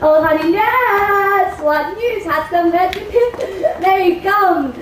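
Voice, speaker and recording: Lovesick young girl, eager and pleading, woman on stage; very high, roomy distant sound. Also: takes it slowly. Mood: restless. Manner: eager, pleading, repeated urging. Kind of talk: stage acting. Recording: roomy hall, faint noise, from far.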